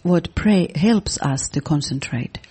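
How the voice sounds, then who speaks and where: A man's voice: a little high, lively intonation, dark tone, slightly rough. A man interpreting a sermon phrase by phrase, sometimes hesitating. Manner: repeats each phrase right after the preacher, with some hesitations.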